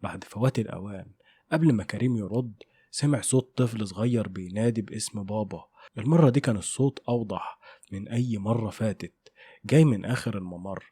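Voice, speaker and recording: A man with an Egyptian Arabic accent narrating a scripted horror story in a measured, suspenseful way. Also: lowish voice, mellow, slightly rough, dry recording.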